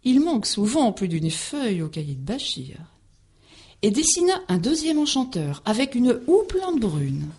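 A woman reading a children's fairy tale aloud, deliberate and expressive. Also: a little high, slightly rough. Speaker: storyteller.

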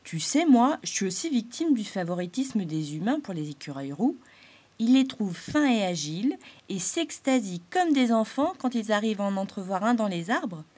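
A woman's voice: medium pitch, very animated, moderate pace, darkish tone. A woman voicing a sly male grey squirrel who complains in a confiding way in a storybook reading. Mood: aggrieved.

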